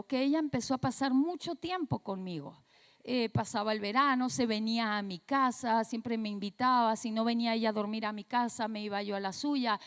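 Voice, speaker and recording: A woman pastor, slightly hoarse, telling a personal story in a conversational sermon with frequent tag questions. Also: sits high, big-room sound.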